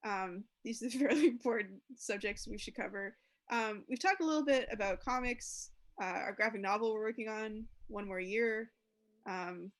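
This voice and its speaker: A woman co-host with a fairly high voice recaps earlier topics in a loose, easygoing way. She leans on plenty of ums and uhs as she talks. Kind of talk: casual chat on a video stream.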